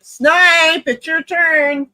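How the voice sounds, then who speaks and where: Very slow yet bright and forceful, her tone holds steady as she chats through an online card game with friends. The streamer rambles from a hot room at home and calls her voice high and pitchy.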